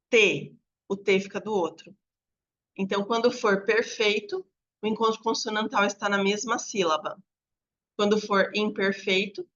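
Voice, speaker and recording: Patient woman teacher for an online lesson; bright tone, slightly dull recording. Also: mid-range voice. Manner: patient, explains slowly with drawn-out examples. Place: home apartment with dogs barking nearby.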